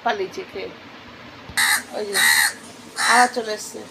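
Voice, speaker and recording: A woman's voice: mid-range voice, fairly even intonation, unhurried, creaky. A woman vlogging at home, coaxing and scolding a crow into eating while chatting to her viewers. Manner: coaxing, scolding a bird between remarks to viewers. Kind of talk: casual vlog talk, feeding a crow. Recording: loud background noise with crow caws.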